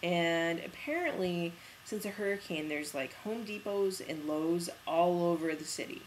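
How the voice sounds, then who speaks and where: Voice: medium pitch, lively intonation, unhurried, slight background noise. A young adult vlogger telling a rambling, casual story in a spoken video diary, with plenty of fillers. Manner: chatty and rambling, with frequent fillers.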